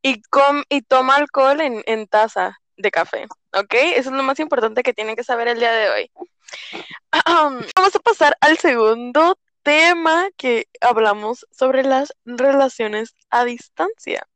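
A woman's voice: high voice, measured pace, fairly bright tone, no room sound. A woman hosting a casual podcast interview, chatty, playful and teasing. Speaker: podcast host.

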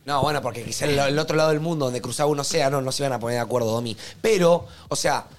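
A man's voice: medium pitch, racing, music in the background. A young man with an Argentine Rioplatense accent, chatting and joking with friends as a podcast co-host. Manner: joking, chatty, laughs while talking. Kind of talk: casual group chat.

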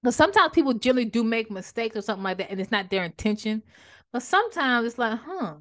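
A woman hosting a podcast, giving a faith-based motivational talk, speaking fast and animated, often repeating and restarting phrases. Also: a little high. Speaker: podcast host and author.

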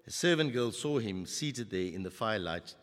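A man preaching a sermon, animated, with many rhetorical questions to the congregation. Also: on the low side, normal speed, in a large hall.

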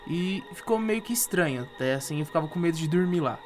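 A young man with a Brazilian Portuguese accent, a guest telling a ghost story in a casual, halting way, with frequent restarts. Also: on the high side, lively intonation, soft background music. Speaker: interview guest.

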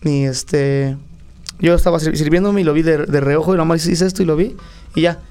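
A man's voice: a little high, normal speed, smooth. A man with a Mexican accent, a podcast guest telling stories in slangy casual chat. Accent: Mexican Spanish. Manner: slangy, animated storytelling.

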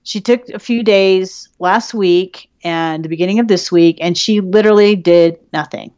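A woman's voice: on the low side, moderate pace, darkish tone, no echo, highs cut off. A woman co-hosting a podcast in casual chat, swearing freely and laughing often. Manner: profane, laughing, chatty. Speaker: podcast co-host.

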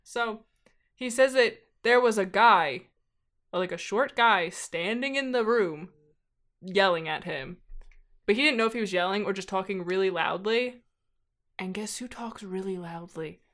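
A woman's voice: mid-range voice, measured pace, fairly bright tone. A young woman chatting casually as a podcast guest, telling stories and filling her sentences with "like.". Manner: chatty, heavy use of "like" fillers. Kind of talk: casual chat, storytelling.

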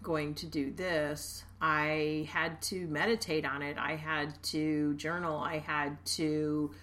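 A woman's voice: sits low, level tone, takes it slowly, fairly bright tone. A middle-aged woman co-hosting a podcast, explaining steadily and laughing easily in casual chat. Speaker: podcast co-host.

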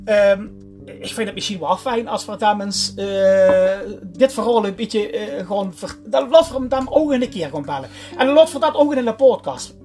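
A man's voice: sits high, normal speed, a little mellow, faint music behind. A man with a Limburgish Dutch accent co-hosting a podcast in casual chat, often searching for words. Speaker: podcast host.

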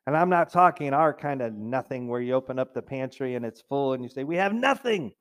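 Middle-aged male pastor, mid-pitched, conversational sermon delivery with mocking whiny asides. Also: steady tone, a little fast, clear, resonant tone. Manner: conversational preaching, mimics complainers in a raised whiny voice.

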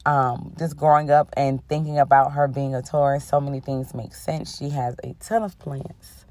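A woman's voice: very deep voice, little pitch movement, moderate pace, no echo. A young woman hosting a casual spiritual podcast, a little under the weather, affirming and chatty, often checking in with "okay?". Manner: warm-toned, affirming, sprinkles in "okay?" and "honey". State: under the weather, voice a bit rough. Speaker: podcast host.

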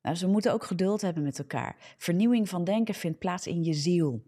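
A woman's voice: lowish voice, brisk, dark tone. A woman with a Dutch accent preaching in a live morning broadcast, fervent, often checking in with "ja?" and correcting herself. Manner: fervent, frequent checking "ja?", restarts and self-corrections. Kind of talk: preaching a live social media sermon.

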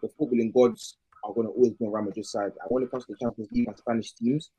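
A man's voice: medium pitch, fairly even intonation, rapid-fire, dark tone, husky, rough recording. A young man with a London accent giving casual, slangy football analysis as a podcast panellist.

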